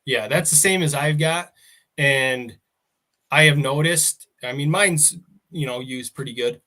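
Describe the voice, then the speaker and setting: A man's voice: fairly high pitch, unhurried, sharp tone. Casual rambling farmer man. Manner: rambling, storytelling, laughs often. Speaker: farmer guest. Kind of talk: casual chat.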